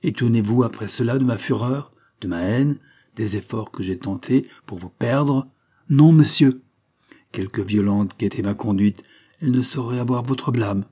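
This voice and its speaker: Anguished jealous prince as a man reads him, vehement, low husky voice. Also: dark tone. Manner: vehement, impassioned pleading. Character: anguished jealous prince, a wronged noble husband.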